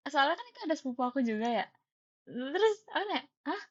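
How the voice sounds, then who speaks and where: A young woman casually telling a story to her livestream viewers, animated, acting out the dialogue and jumping to high squeals when excited. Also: moderate pace. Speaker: idol livestream host. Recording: slightly dull lo-fi stream audio.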